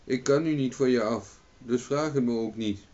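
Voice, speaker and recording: A man's voice: medium pitch, moderate pace, darkish tone, pitched above the performer's own voice, close to an everyday voice. A man voicing a bold, quarrelsome dreaming man in a folk tale. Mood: angry. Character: bold dreaming Irish man, talks back. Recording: dull lo-fi recording.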